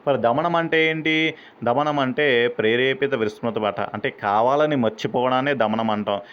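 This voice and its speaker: A man works through exam questions in a revision lesson, posing each question and then answering it. His voice is smooth and resonant at a middle pitch. The recording sounds dull and lo-fi. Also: normal speed. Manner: asks questions then answers them, mixes in English phrases. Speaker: exam-prep teacher.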